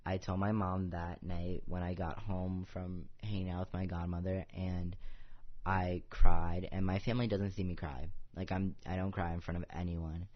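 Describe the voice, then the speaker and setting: Low-voiced young man, earnest, says "like" constantly. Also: level tone, normal speed, lo-fi sound. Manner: earnest, fills nearly every phrase with "like". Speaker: podcast guest. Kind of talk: casual personal storytelling. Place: office podcast set.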